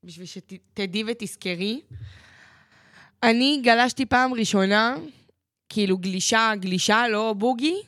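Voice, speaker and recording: A woman's voice: a little high, a bit bright, no room sound. Chatty woman co-host, dry sound. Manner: chatty, reflective storytelling. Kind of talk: casual chat.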